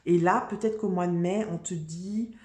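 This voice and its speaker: A woman's voice: lowish voice, moderate pace, a little mellow, echoey room. A woman giving a casual, chatty tarot reading, full of fillers, restarts and "tu vois". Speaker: tarot reader.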